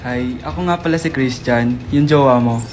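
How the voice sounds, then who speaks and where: A woman voicing a smooth young boyfriend in a low, put-on voice, with music behind. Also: normal speed.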